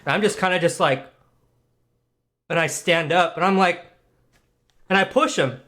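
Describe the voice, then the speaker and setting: A man plays a tabletop game with an animated, chatty delivery, fond of "I'm like" asides. His voice sits a little high and sounds bright. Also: moderate pace. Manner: animated, laughing, frequent "I'm like" in-character asides. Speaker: player.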